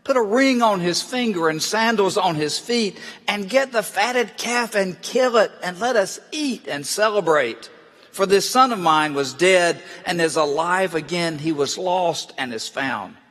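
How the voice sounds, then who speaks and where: Forgiving old father, read by a man, exultant, somewhat high, long reverb. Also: animated, measured pace, hardly any pauses, sharp tone. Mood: joyful. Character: forgiving elderly father welcoming son home.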